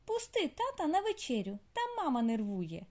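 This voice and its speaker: Woman voicing a squeaky, stern little girl mole. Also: wildly swooping pitch, moderate pace, darkish tone. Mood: friendly. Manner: grumbling, bossy. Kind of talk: audiobook character voice.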